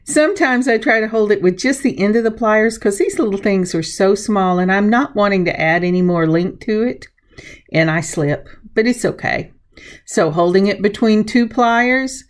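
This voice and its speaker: A woman with a gravelly voice gives casual hands-on craft instruction, chatting and narrating her own steps in an unhurried way. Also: medium pitch, expressive. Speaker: craft tutorial host.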